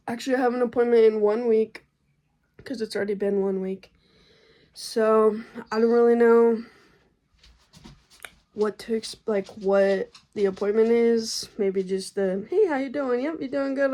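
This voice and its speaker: A woman's voice: medium pitch, mellow. A young woman vlogging a casual update about her pregnancy, chatty and slangy, and out of breath from being heavily pregnant. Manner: chatty, slangy, laid-back.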